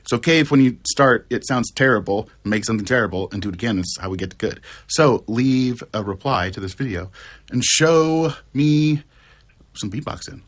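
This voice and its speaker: A man who teaches music, giving a casual video lesson in a slangy, relaxed way with a bit of swearing. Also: on the low side, fairly quick, hardly any pauses.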